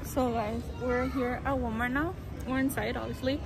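High-voiced woman vlogging through a face mask. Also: steady tone, moderate pace. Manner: chatty, switches into Spanish phrases. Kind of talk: casual vlog chat. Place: inside a big store. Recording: noisy store background.

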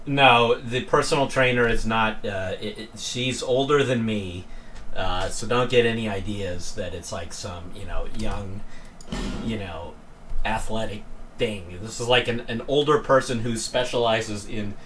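A man's voice: on the low side, a little slow, fairly bright tone. Rambling man streamer, drifting off-mic. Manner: rambling, self-deprecating, joking with chat. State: winded from climbing stairs. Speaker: game streamer. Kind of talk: casual live-stream chat. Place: home room. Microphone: headphones with desk mic, off-mic at times. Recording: voice sometimes distant from mic, faint room noise.

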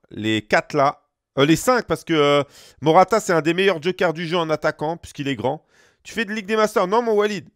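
A male gaming streamer with a slightly high voice talks through his team choices in loose, slangy chatter. He breaks off again and again to greet viewers by name, and the sound is close and dry, with no room echo. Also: a bit bright. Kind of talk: casual live-stream gameplay commentary.

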